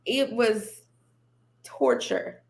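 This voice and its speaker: A woman guest on a podcast, telling her story in casual conversation, animated and laughing often as she quotes herself and others. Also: on the high side, extremely slow.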